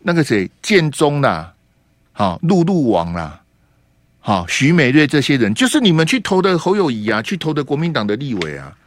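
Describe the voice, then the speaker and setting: A man hosting a call-in radio talk show, teasing and grilling his caller with rapid-fire questions. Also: on the high side, sing-song, dry recording. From Taiwan.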